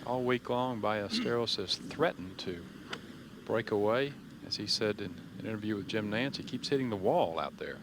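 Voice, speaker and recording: A man giving measured, understated live golf commentary in short phrases. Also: on the low side, expressive, noisy background.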